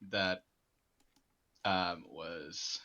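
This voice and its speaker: A man's voice: deep voice, muffled recording. Man narrating as game master. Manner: relaxed, halting narration with fillers.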